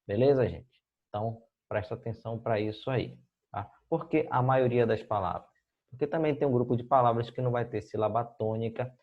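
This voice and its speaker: A man's voice: mid-range voice, darkish tone, dull audio. A Brazilian man teaching Spanish in a recorded video lesson, explaining patiently and checking in with his students after almost every phrase. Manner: explains patiently, ends phrases with "tá?" and "beleza, gente?".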